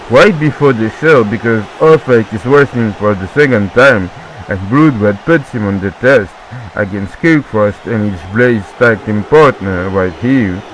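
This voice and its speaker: A French-speaking man calls a wrestling match in English, piling up excited calls and repeating the big moves. He keeps to a slow, unhurried pace at a middling pitch. A faint hum of noise sits behind him. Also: rough recording. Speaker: wrestling commentator. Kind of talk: play-by-play commentary.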